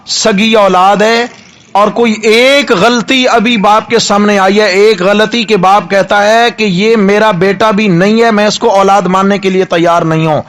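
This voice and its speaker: A male mufti delivering a sermon, emphatic and repetitive, slowing right down to draw out recited verses. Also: high-pitched, fairly even intonation, fairly bright tone. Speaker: mufti preacher.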